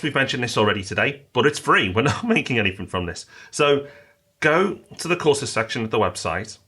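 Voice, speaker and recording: On a casual podcast, a British man co-hosting the show chats in an upbeat, promotional way and reads a listener review from the mail aloud. His voice is medium-pitched and a bit bright.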